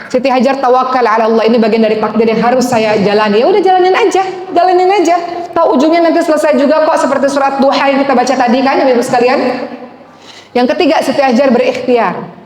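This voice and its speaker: A young woman giving a lively sermon to a gathering of women and drawing them in with questions. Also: sits high, fast, a little hiss or hum. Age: young adult. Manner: lively, coaxing, asks the audience questions. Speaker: preacher. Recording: echoey hall with long reverb.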